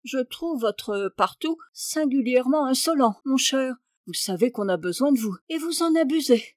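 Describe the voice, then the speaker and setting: A woman's voice: high voice, expressive, normal speed, darkish tone, dry recording, clean studio sound. A woman voicing a fussy, imperious aristocratic aunt in a read-aloud novel, exclaiming and scolding.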